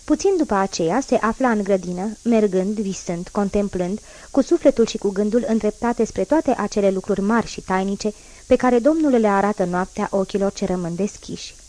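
A woman's voice: medium pitch, warm tone. Woman reading a classic novel aloud. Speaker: audiobook narrator. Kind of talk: literary audiobook reading.

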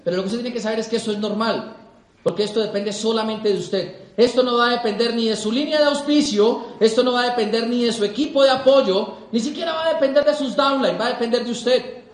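High-voiced Colombian man speaking in an echoey hall. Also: fairly quick. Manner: emphatic, repetitive rhetorical questions. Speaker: motivational speaker. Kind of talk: motivational talk to a live audience.

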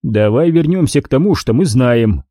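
A steady Jedi master, firm and growing impatient, read by a male narrator in near his own voice. The tone is mellow and dry. His delivery stays even and businesslike. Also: mid-range voice, moderate pace, no echo, close to an everyday voice. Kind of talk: audiobook reading.

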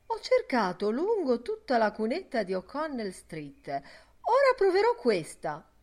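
A woman's voice: fairly high pitch, wildly swooping pitch, unhurried, voice pushed up, full character voice. A woman doing a sarcastic, hot-tempered Irish father. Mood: sly. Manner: loud theatrical outbursts, mocking. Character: middle-aged Irish father, sarcastic, quick-tempered, broke.

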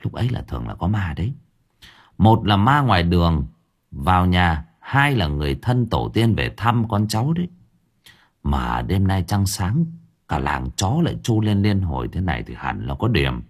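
A man's voice: sits low, very animated, moderate pace, slightly rough. A man narrating a ghost story as an audiobook narrator in a storytelling manner. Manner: storytelling narration with varied intonation.

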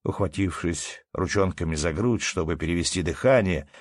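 A man narrating a classic story as an audiobook reader in a steady, measured way. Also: sits low, dry recording, studio quality. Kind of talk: literary narration.

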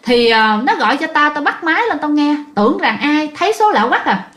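A woman's voice: high-pitched, sing-song, fairly quick, a bit bright. A woman telling a ghost story in a casual, chatty way, talking straight to her listeners. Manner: chatty, addresses listeners directly, acts out quotes.

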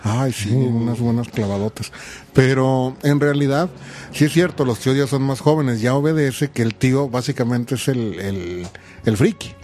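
A man's voice: mid-range voice, normal speed, darkish tone, a little hiss or hum. A Mexican man co-hosting a podcast, trading crude, joking banter. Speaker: podcast co-host. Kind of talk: casual chat.

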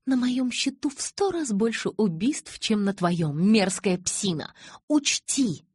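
A woman's voice: medium pitch, animated, slow, darkish tone, slightly rough, dry recording, studio quality, pitched above the performer's own voice. A woman reading an audiobook, voicing a spiteful blonde female vampire who hisses her words with scorn. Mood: scornful. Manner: hissing, scornful. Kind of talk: audiobook character voice.

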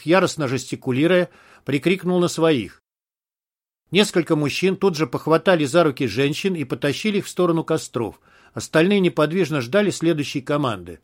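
Male audiobook narrator, voice a bit high, acts out the shouts.

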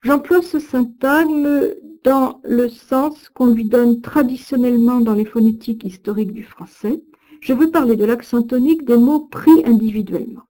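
A woman with a French accent giving a recorded lesson, with slow, careful, deliberate diction. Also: on the high side, warm tone. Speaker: teacher of Old French.

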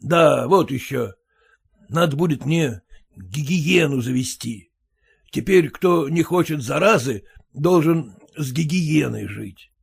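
A man's voice: fairly high pitch, animated, slow pace, gravelly, husky, full character voice. A man doing a pompous grumbling merchant. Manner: grumbling, lecturing, self-important. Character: pompous fussy merchant husband, fearful of typhus.

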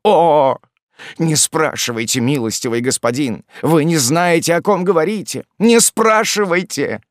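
A fawning old morgue keeper begs and wheedles in a high, quavering whine, as a male audiobook reader puts him on. The voice leaps up and down in pitch with frantic pleading. The recording is dry and close, with no room sound. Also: sing-song, unhurried, no room sound. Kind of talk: audiobook reading.

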